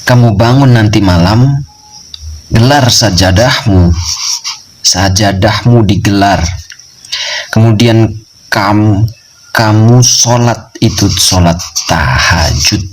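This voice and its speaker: A man preaching with a fairly low voice. He tells a story with steady, emphatic repetition and speaks to his listeners as friends. Faint ambient noise sits behind him. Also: slow, pauses often, poor audio. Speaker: Islamic preacher. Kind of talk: storytelling sermon.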